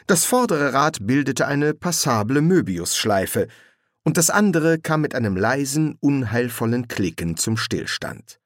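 A male audiobook narrator reads at an unhurried pace, and his pitch rises and falls with lively expression. The sound is dry and close to the mic, with no room around it. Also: no room sound. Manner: measured, expressive storytelling. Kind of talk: scripted narration. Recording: dry close studio recording.

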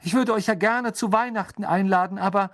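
A man voicing a warm, motherly middle-aged witch in a high, lilting voice. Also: fairly quick, no room sound, studio quality. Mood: fond.

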